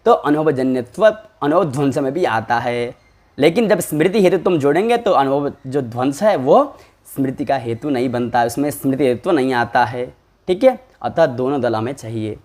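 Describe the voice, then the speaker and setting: Man giving a slow, questioning lecture. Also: mid-range voice, expressive, darkish tone. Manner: questions the listeners often and checks with "ठीक है?"; reads lines slowly, then explains them quickly. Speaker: Sanskrit teacher explaining a logic text.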